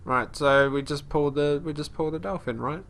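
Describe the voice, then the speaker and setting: A slightly high, gravelly, somewhat bright voice moves at a moderate pace. The speaker is a congested let's play host giving casual commentary on a fantasy game. He rambles, repeatedly restarts his sentences, and describes his character's actions in third person.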